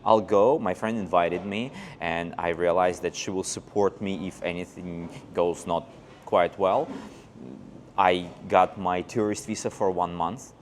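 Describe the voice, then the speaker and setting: Recorded on a lapel mic in a casual interview, a man in his thirties from Belarus who teaches English shares his story on a paved old street and in a cafe. His deep voice stays steady at a measured pace amid slight background noise, and he tells it chattily, acting out quoted lines.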